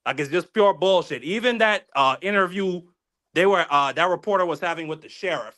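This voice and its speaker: Bright-voiced man ranting on politics. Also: sits high, a little fast. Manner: animated, profane, many fillers and restarts. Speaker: host. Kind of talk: casual political commentary.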